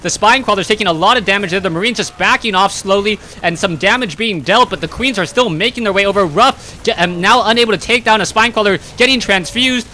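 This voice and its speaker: Guy with a high bright voice doing quick play-by-play, gets hyped in fights. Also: slight background noise. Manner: brisk play-by-play, rising excitement in fights. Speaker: esports caster. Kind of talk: play-by-play commentary.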